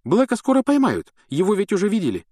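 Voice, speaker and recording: A man voicing an earnest, clever teenage schoolgirl in an audiobook, pitched high and insistent. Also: wildly swooping pitch, quick pace, darkish tone, no room sound, clean studio sound, full character voice. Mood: reassuring.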